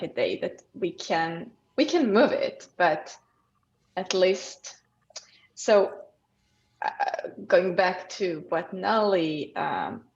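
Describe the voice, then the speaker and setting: A woman talking casually in a work meeting, halting and repeating her words as she goes. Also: fairly low pitch. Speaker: software team member in a meeting. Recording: dull lo-fi call audio.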